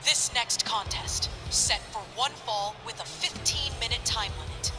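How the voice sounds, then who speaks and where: Female wrestling ring announcer over loud music. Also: on the high side. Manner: measured, drawn-out introductions in short phrases.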